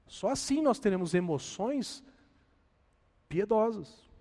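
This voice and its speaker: A Brazilian pastor preaches in a lively, swinging voice that sits fairly high for a man. His delivery is animated and sprinkled with self-deprecating humor. The sound carries a long hall reverb. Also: slow. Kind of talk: sermon.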